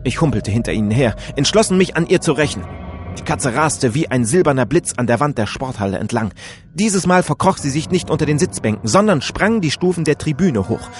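A man reading a first-person story aloud in a dramatic, animated way, switching into voices for the characters. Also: fairly high pitch, a little fast, soft background music. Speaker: audiobook reader.

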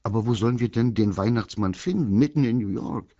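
A man's voice: lowish voice, brisk, dark tone, no room sound, dull audio, voice pushed up, close to an everyday voice. A man voicing a timid male teddy bear who would rather stay home and tends to whine. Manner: hesitant, whiny.

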